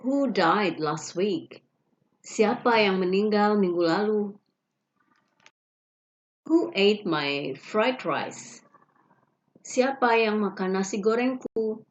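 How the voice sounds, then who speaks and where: A woman teacher reading English example questions slowly and carefully, each followed by its Indonesian translation. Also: mid-range voice, lively intonation. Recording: dull lo-fi recording.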